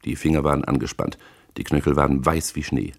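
A man with a very deep, low voice narrates a hard-boiled crime story in the first person. His reading is measured and deliberate, paced like a scripted audiobook. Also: vocal fry.

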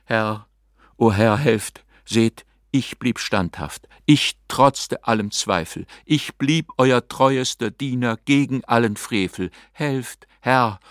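A man's voice: medium pitch, slow, dry recording, clean studio sound, close to an everyday voice. A man voicing a terrified male hermit who shrieks and prays frantically.

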